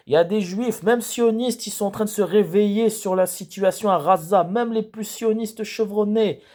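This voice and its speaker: A man delivering a spoken protest rap in a halting, freestyle way, often restarting words and hitting rhetorical questions hard. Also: sits high, darkish tone. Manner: slow, declaiming delivery with emphatic rhetorical questions. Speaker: rapper.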